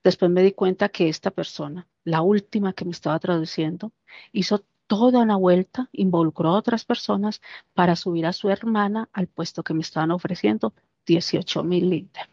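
A woman casually recounting a personal story, lively and animated, acting out the lines of the people in it. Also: on the low side, moderate pace, slightly rough, dry recording. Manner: animated, acts out quoted dialogue. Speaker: interviewee. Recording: dull, dry lo-fi recording.

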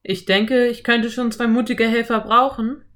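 A woman voicing a lanky, friendly male cowboy in an audiobook, speaking loudly with an easy, self-assured drawl. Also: on the high side, steady tone, measured pace, pitched above the performer's own voice. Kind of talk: audiobook character voice.

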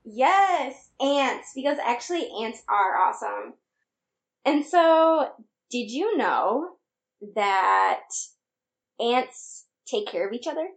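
A woman's voice: a little high, lively intonation, slow, creaky. A young woman co-hosting a casual podcast, earnestly explaining animal facts with small laughs. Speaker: podcast co-host.

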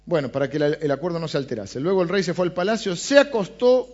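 A man's voice: on the high side, fast talker, darkish tone, lo-fi sound. A man with an Argentine accent preaching a conversational sermon on a Bible passage, casual and chatty, often asking his listeners questions. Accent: Argentine Spanish.

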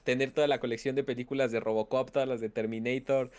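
A man's voice: medium pitch, level tone, fast talker, darkish tone. A man with a Mexican accent chatting casually as a content creator, rambling and quoting his commenters. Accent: Mexican Spanish. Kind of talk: casual chat.

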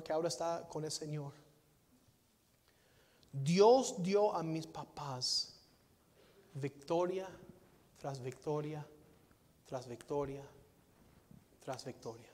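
High-voiced preacher in a reverberant hall. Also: male voice. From United States. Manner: dynamic preaching, swings from soft to loud, repeats phrases. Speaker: pastor. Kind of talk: sermon. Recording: long reverb of a large hall.

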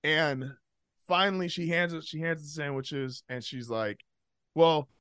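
Animated, profane man telling a story. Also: fairly high pitch, measured pace, clear, resonant tone, no room sound, studio quality. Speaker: podcast co-host. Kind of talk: casual storytelling chat.

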